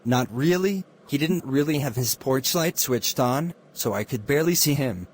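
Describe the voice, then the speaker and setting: A man plays an ordinary neighbour in a murder mystery film. He gives an unsure witness statement in a mid-pitched voice, recorded with faint noise behind it. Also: lively intonation, normal speed, close to an everyday voice. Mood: hesitant.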